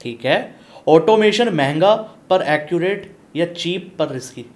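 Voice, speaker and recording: A man hosting a business podcast, asking quick-fire questions and answering with short affirmations. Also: on the high side, expressive. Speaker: podcast host, business coach.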